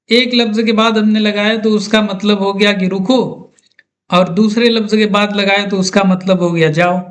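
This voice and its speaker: A male teacher with a fairly high voice explains grammar at an unhurried, measured pace. He walks patiently through each example, step by step. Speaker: English teacher.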